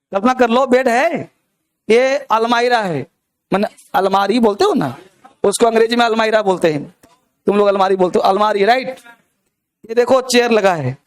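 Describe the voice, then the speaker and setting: Teacher in a classroom, man with a very high, smooth, clear voice who keeps quizzing his students. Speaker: English grammar teacher. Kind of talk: live classroom lecture.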